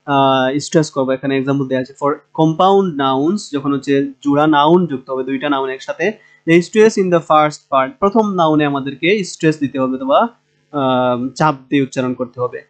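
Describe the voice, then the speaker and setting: Slow-spelling lecturer with a Bangladeshi accent. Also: male voice, a little high. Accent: Bangladeshi Bengali. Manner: slow, drawn-out sounding of example words with hesitant fillers. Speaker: linguistics lecturer. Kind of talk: recorded lecture.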